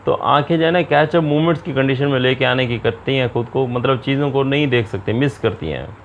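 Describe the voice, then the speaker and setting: A man giving a recorded lecture, reading out English lines slowly, then explaining them quickly in his own words. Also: mid-range voice, muffled recording, slight background noise.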